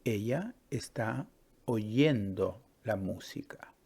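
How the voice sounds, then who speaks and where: Slow, gravelly male Spanish teacher. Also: fairly low pitch, expressive, darkish tone. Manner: patient, drawn-out, stops to ask "¿sí?" and "¿verdad?". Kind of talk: slow, explaining grammar lesson.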